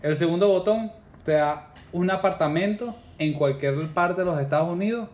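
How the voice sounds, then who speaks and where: A man's voice: sits high, moderate pace, darkish tone. A young man with a Venezuelan accent, bantering and joking in casual chat, laughing often. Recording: echoey room, faint noise.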